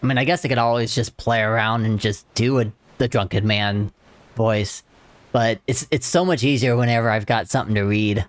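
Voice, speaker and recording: A man's voice: fairly low pitch, steady tone, normal speed, no room sound. A man streaming a game, chatting casually in self-deprecating muttered asides between dialogue he reads. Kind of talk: casual gameplay chat.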